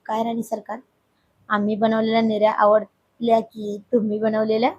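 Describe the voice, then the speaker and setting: A woman voicing a playful, teasing young husband in a storybook reading, in a husky voice. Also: a little high, completely flat delivery, normal speed, a little mellow, dry recording, lo-fi sound. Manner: teasing, coaxing.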